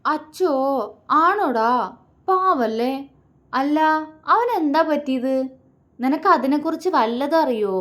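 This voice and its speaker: Sneering, menacing young man from a story, read by a woman, slow and taunting, voice sits a bit high. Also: expressive. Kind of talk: storybook reading.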